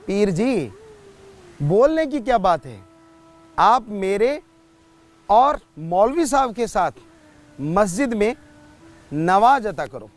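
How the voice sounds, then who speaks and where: A man's voice: high-pitched, very animated, takes it slowly, pauses often, full character voice. A man telling a story voices a proud king who gives commands and questions sharply. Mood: commanding. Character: proud demanding old-time king.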